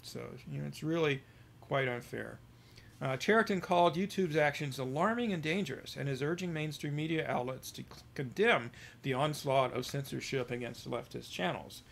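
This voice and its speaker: This man hosts a podcast, offering laid-back commentary on the news and quoting from stories as he goes. He talks in a halting way full of fillers, his loudness rising and falling, and his fairly bright, higher-leaning voice carries some vocal fry.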